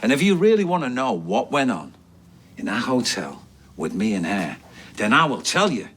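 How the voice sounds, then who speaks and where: Soap role: evasive, menacing needler with a lowish voice. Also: male voice, animated, normal speed, fairly bright tone, husky, heavily acted. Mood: menacing, escalating rant. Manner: dismissive, needling. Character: evasive, menacing man cornered by a questioning girl. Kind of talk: naturalistic TV soap acting.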